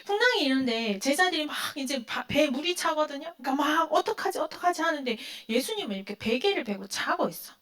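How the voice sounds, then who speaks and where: This woman's voice sits high and fairly bright, with lively intonation, a quick pace, and few pauses. Preaching to a youth group, she questions the audience, answers herself, and dramatizes the lines she quotes.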